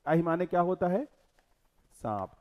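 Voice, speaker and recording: A male teacher giving an exam-prep lecture on scripture, asking rhetorical questions and quoting verses, his voice swinging between loud and soft. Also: high-pitched, animated, unhurried.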